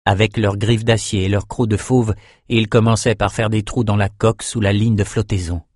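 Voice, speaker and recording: A man narrating an audiobook in a steady, measured storytelling voice, close to the mic. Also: on the low side, no echo.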